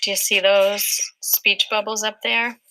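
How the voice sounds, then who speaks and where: A woman teacher leading a small-group reading lesson with young children, asking patient, slow questions. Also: medium pitch, level tone, pushed and bright, a little hiss or hum, poor audio.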